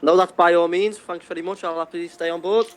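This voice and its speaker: A man from the United Kingdom giving informal, halting instructions as a guest co-pilot in a casual game chat. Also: sits high, fairly even intonation, clean tone. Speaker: guest co-pilot guiding the streamer.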